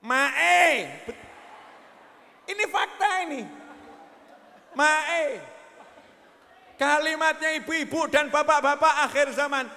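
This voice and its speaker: Man, Javanese accent, sermon, high voice, humorous stories, questions to the crowd, long hall echo. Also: steady tone, normal speed, pushed and bright. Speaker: preacher. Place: religious gathering.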